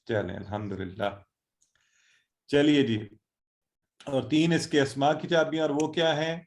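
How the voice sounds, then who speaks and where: A man teaching an online Quran class, encouraging students and drilling words slowly. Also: on the high side, fairly even intonation.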